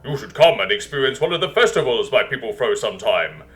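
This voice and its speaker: A man's voice: medium pitch, sing-song, fast talker, fairly bright tone, soft background music. A man voicing a flamboyant, slightly mad, party-loving lemur king with a showy, exuberant manner. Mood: exuberant, festive.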